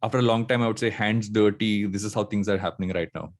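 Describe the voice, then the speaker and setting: A man from coastal Andhra Pradesh, speaking reflectively as a podcast guest and pausing mid-thought. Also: fairly low pitch, steady tone. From coastal Andhra Pradesh, India. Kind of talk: reflective conversational interview.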